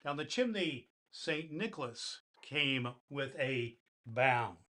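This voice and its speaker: A man playing jolly old Santa Claus as a kindly grandfatherly storyteller, reading to children with deliberate, theatrical emphasis. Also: mid-range voice, expressive, pushed and bright. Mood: merry, dramatic.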